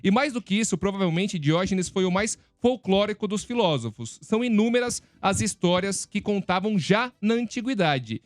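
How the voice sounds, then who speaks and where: A man's voice: high voice, lively intonation, moderate pace, hardly any pauses, no echo. A man with a Brazilian Portuguese accent hosting a radio show, explaining a topic in a casual, teasing way to his co-hosts in a studio. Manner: teasing, explanatory, calls co-host "palhacinho". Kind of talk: casual chat.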